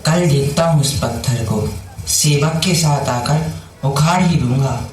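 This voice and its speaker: A man's voice: fairly high pitch, takes it slowly, slight background noise. A man playing a short-tempered merchant on stage. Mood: frustrated. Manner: loud, exasperated stage delivery. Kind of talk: school stage play. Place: school stage at an annual function. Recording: echoey hall.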